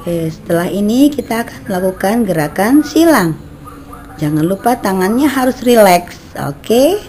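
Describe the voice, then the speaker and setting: A woman guiding children through brain gym exercises with slow, patient step-by-step instructions, recorded on a camera mic on an outdoor veranda. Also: medium pitch, lively intonation, darkish tone.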